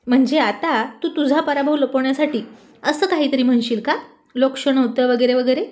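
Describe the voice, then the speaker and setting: A woman's voice: high-pitched, normal speed, darkish tone, close to an everyday voice. A woman voicing a feisty teenage girl who bickers indignantly with a cousin. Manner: indignant, teasing.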